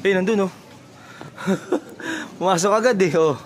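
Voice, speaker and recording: A man vlogging about his racing pigeons outdoors, talking excitedly in a running commentary, sweaty and out of breath. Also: sits high, measured pace. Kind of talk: casual vlog commentary. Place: outdoors at a backyard pigeon loft. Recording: noisy outdoor recording.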